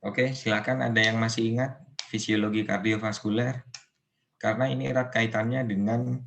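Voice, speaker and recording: A man giving an online nursing lecture, speaking slowly and calmly, stopping to ask his students questions. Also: lowish voice, gravelly, slight background noise. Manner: slow, measured, asks students questions.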